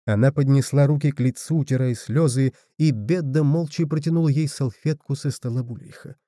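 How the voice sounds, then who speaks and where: A man narrating a fantasy audiobook in a measured, steady reading. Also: medium pitch, dry recording, studio quality. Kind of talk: scripted narration.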